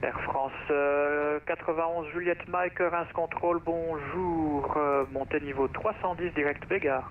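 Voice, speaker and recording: A man's voice: on the high side, steady tone, unhurried. A man working as an air traffic controller, giving procedural instructions phrase by phrase over the radio. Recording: distant, dull radio with faint noise.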